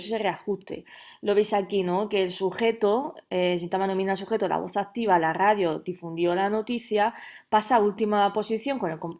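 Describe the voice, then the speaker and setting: A woman teacher from giving a recorded grammar lesson, explaining step by step and often checking with a quick question. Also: mid-range voice, a little mellow. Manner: explanatory, checks understanding with frequent "¿vale?".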